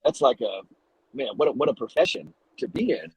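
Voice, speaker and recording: Husky podcast host guy, mid-pitch, circles around his questions, curious and loose. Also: lively intonation, fairly quick, darkish tone, no room sound, rough recording. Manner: rambling, searching questions. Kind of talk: casual podcast interview.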